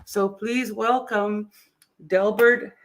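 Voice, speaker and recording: A woman with a First Nations Cree accent hosting a casual interview show, haltingly searching for her words. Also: medium pitch, fairly even intonation, a little hiss or hum. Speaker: host.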